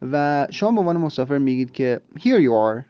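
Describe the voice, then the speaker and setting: A man hosting a podcast English lesson, explaining and repeating phrases slowly so listeners can drill them. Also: mid-range voice, very animated, clean tone, dry recording. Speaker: English teacher and podcast host. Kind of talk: language lesson. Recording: slightly dull lo-fi recording.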